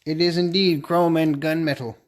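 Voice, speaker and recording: A man's voice: a little high, fairly even intonation, moderate pace. A man chatting casually on a live stream as he turns a pen and answers viewer comments. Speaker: woodturner streaming a pen turning.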